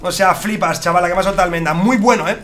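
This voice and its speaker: A young man with a Spain Spanish accent, commentating his gameplay to viewers in a chatty, slangy, excitable way. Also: high voice, rapid-fire. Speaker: gaming streamer. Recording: loud game music behind.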